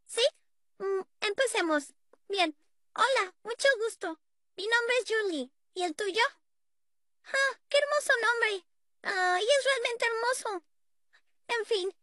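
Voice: very high-pitched, bright, forceful tone, no echo, clean studio sound, full character voice. A performer voicing a bubbly, party-loving girl puppet in a fan dub, talking eagerly and chirpily.

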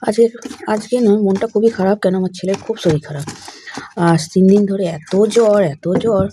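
A hoarse housewife, thinking aloud while she cooks in her home kitchen for a casual vlog. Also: mid-range voice, a little fast. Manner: talks to herself while cooking, thinking aloud. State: hoarse, voice gone. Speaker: village housewife vlogger. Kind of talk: casual cooking vlog chat. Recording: noisy home recording.

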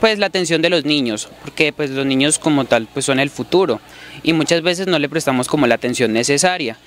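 A man's voice: a little high, animated, fairly quick, a bit bright, a little hiss or hum. A young man, a nursing student, answering interview questions hesitantly with many fillers. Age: young adult.

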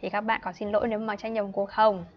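A woman in her twenties with a Northern Vietnamese accent, teaching an online English class for young children, patient and playful, repeating words slowly. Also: mid-range voice, little pitch movement, lo-fi sound. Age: 20s. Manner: chatty and playful, laughs often.

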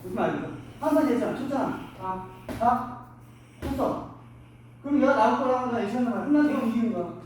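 Middle-aged guy coaching boxing, short barked cues, high lively voice, super echoey gym picked up from far off. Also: fast talker, a little hiss or hum. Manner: short punchy commands, shouts punch sounds. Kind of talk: hands-on boxing instruction. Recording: echoey gym, mic from afar.

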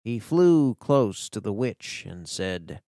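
A man's voice: lowish voice, dry recording, studio quality. A man reading a children's fantasy story aloud as an audiobook narrator. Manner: slow, animated storytelling. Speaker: audiobook reader.

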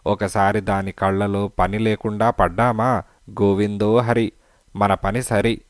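A man's voice: on the low side, little pitch movement, a little slow, no room sound, natural voice. A man voicing a desperate, blustering lawyer. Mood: pleading. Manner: pleading and blustering. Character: desperate broke male lawyer, pleading.

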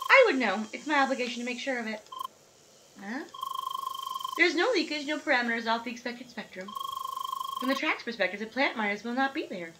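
A woman's voice: very noisy, close to an everyday voice. A woman doing a smug, matter-of-fact scientist lady. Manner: lowered, smug and precise. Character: matter-of-fact female scientist, self-assured. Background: loud game music.

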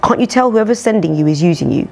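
A woman voicing a blunt female airport police officer, scolding quickly. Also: fairly low pitch, expressive, gravelly, darkish tone.

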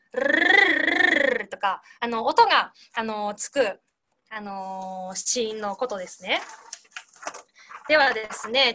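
Over a video call, a woman with a high, bright voice leads an online singing class. As the teacher, she explains gently and demonstrates every breath and consonant sound herself.

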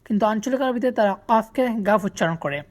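A woman from Bangladesh teaching a vocabulary lesson, saying each word slowly and repeating it with its meaning. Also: medium pitch, darkish tone. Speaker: language teacher.

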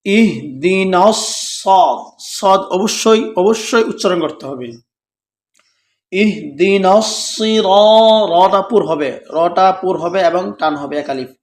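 A man teaching correct Quran recitation, reciting verses slowly syllable by syllable and explaining the pronunciation rules. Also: high-pitched, darkish tone, reverberant.

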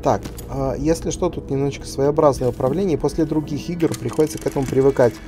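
A man's voice: mid-range voice, fast. A man giving casual commentary as he plays a video game. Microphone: voice-over over game audio. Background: game music.

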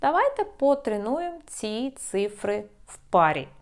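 A woman teaching an online English lesson, giving slow, clear explanations and drilling English number words. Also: on the high side, sing-song.

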